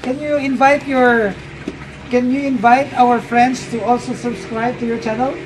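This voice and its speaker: In this casual walk-through vlog, a middle-aged man from the Philippines explains fish breeding at an outdoor fish farm. His voice is very high and unhurried, with a fairly even intonation, and he talks to his viewers as "guys."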